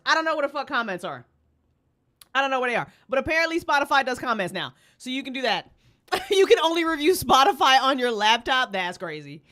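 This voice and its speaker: A woman with a fairly high, slightly bright voice hosts a live stream in a casual, playful, rambling manner, swearing plenty. She is a livestream host, podcast co-founder, writer, and director, speaking through a streaming setup with a webcam and headphones.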